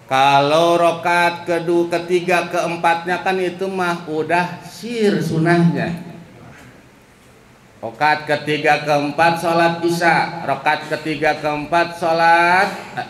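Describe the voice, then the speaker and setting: A male Islamic teacher gives a slow, explanatory religious lesson, chanting Quran verses as examples. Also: fairly high pitch, a bit bright. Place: boarding school study hall. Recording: echoey room with faint background noise.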